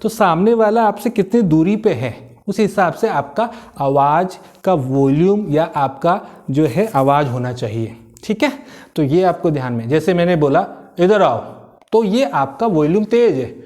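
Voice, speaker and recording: At a moderate pace, a man with a slightly high, expressive, a little mellow voice motivates listeners on communication skills. Everyday examples guide his step-by-step explanation, and he emphasizes key words through repetition while dropping in English phrases.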